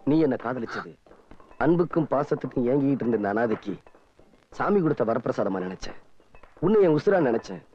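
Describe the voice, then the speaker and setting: An actor playing a bitter, wounded young husband who grew up an orphan, in a Tamil film melodrama, with a Tamil accent. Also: male voice, mid-range voice, sing-song, a little fast, pauses often, a little hiss or hum, natural voice. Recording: dull film audio with music.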